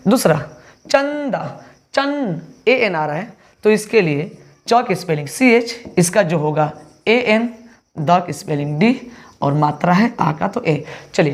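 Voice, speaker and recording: Man, teacher, fairly high voice, spells words out slowly, asks and answers his own questions. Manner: asks questions then answers them himself. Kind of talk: online exam-prep lesson.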